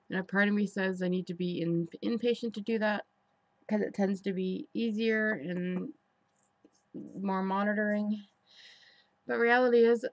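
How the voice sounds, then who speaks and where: A woman giving a candid, rambling confessional vlog, sounding frustrated and halting as she talks indoors. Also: medium pitch, dry recording. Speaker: personal vlogger. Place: indoors in an apartment.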